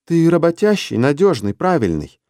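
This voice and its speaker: A man voicing a woman, a cold and detached ex-wife, in a flat, colorless manner in an audiobook story. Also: a little high, normal speed, dry recording, studio quality, pitched above the performer's own voice. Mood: cutting.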